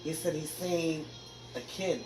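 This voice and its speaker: A woman tells her story earnestly, in a voice of middling pitch. She sits back from the mic in an echoey room. Music plays clearly behind her. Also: slow, distant mic. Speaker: homeowner. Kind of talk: casual interview.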